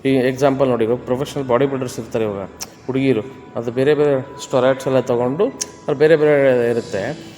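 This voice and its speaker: A man's voice: medium pitch, a little mellow. A male fitness trainer, coaching a woman through a workout with firm, repeated commands and tips. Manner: firm, repetitive gym commands mixed with explanation. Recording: roomy reverb with music behind.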